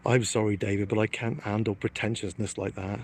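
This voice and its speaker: A man's voice: lowish voice, flat delivery, brisk, a little hiss or hum. A man, live-streaming from his phone outdoors by the water, chatting casually with his viewers in a cheeky, joking, self-mocking way. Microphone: phone held in hand.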